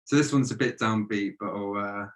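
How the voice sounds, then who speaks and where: A young man in his twenties, a guest poet reading his poems in a measured, steady way over a video call. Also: fairly low pitch, poor audio. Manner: measured, steady delivery with repeated refrains. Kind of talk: poetry reading.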